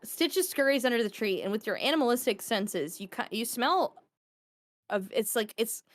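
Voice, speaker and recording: A woman's voice: a little high, lively intonation, normal speed, no echo. A woman running a tabletop game as game master, casual and full of fillers. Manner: casual, hesitant with many fillers.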